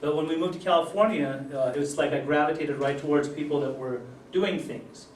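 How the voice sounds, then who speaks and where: A man's voice: a little high, slight background noise. Earnest man speaking in an echoey hall. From born in Germany, raised in Utah. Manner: earnest, halting with many fillers. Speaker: recovery speaker. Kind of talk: personal testimony speech. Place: event hall. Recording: echoey hall, distant mic.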